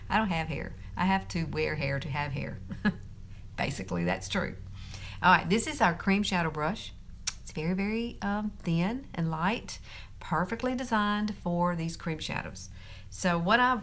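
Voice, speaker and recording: A woman's voice: lowish voice, fairly bright tone. A woman in her fifties giving a chatty live makeup tutorial, laughing often and talking straight to her viewers. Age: 50s. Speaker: beauty vlogger.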